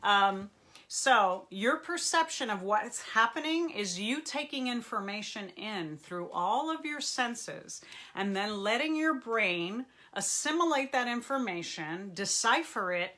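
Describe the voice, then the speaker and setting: A middle-aged woman therapist hosts a live online Q&A in front of a bookshelf, speaking into a webcam. Her voice is bright and crisp, and she keeps the talk animated and full of jokes. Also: medium pitch, slow. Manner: animated, joking, reads out viewer comments. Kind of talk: live-stream talk to viewers. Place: room in front of a bookshelf and ladder.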